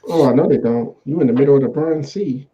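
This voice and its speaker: Guy on a voice changer, muffled lo-fi sound, mid-pitched, keeps asking questions. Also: fast, warm tone, slightly rough. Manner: curious, asks many questions. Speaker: livestream guest. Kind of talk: casual chat. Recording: dull lo-fi voice changer audio.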